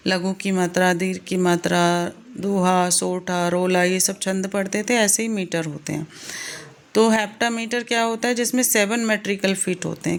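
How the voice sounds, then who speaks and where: A woman explains poetic devices in a lecture that mixes Hindi and English. Her voice sits at a middle pitch and has a gravelly, creaky edge. She poses questions to her students and answers them herself. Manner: explanatory, asks and answers her own questions, says "theek hai" often. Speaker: English literature teacher.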